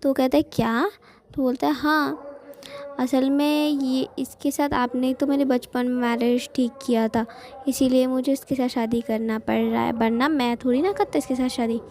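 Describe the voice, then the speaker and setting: High-pitched woman with a mellow voice. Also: steady tone, normal speed. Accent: Indian. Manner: chatty, many fillers, quotes each character in turn. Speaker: storyteller. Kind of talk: casual retelling of a fan fiction story.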